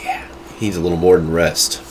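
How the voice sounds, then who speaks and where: A man's voice: sits low, flat delivery, moderate pace, noisy background. A man hosting a reaction video, giving casual running commentary on a show as he watches. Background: soundtrack music from the show.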